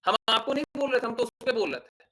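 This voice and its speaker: A man's voice: extremely high pitch, expressive, fast, sharp tone, low-quality recording. A man giving a devotional discourse as a spiritual teacher, explaining with everyday examples, asking rhetorical questions and checking in with his listeners.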